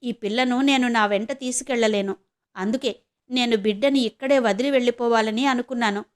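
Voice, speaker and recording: A woman's voice: a little high, fairly quick, close to an everyday voice. A woman reading as a regretful birth mother. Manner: confessing, regretful.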